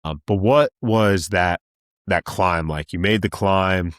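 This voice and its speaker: Deep-voiced man hosting a casual podcast. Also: takes it slowly, no echo, clean studio sound. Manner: relaxed and matey, asks short questions, says "dude" and "man". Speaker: podcast host. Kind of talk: casual interview.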